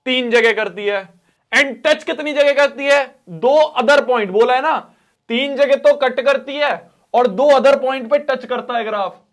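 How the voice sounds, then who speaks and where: A young man with a high voice runs a live online math class. He speaks, repeats his points, and alternates between scolding the students and pleading with them. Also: fairly bright tone. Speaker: math teacher.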